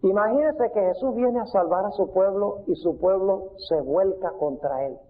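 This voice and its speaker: A man's voice: sits high, normal speed. A man preaching a sermon as pastor, emphatic and asking his congregation rhetorical questions. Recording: tinny phone-like sound.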